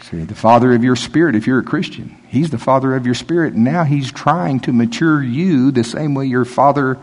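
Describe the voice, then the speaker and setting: A male pastor giving a conversational sermon, joking and laughing as he talks. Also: mid-range voice.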